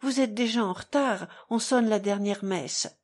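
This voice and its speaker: A woman's voice: mid-range voice, a little slow, close to an everyday voice. A woman reading a proud, passionate young woman. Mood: agitated. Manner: intense, tremulous pleading. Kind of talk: audiobook reading.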